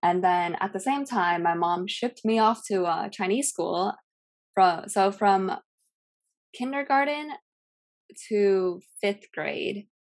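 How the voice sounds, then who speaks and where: A young Californian woman who speaks Cantonese appears as a podcast guest, chatting casually. Her mid-range voice moves slowly as she rambles in a relaxed way, full of fillers.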